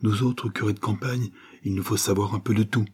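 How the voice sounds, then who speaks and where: Man voicing a gentle country priest. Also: on the low side, normal speed, breathy edge. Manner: coaxing, gentle.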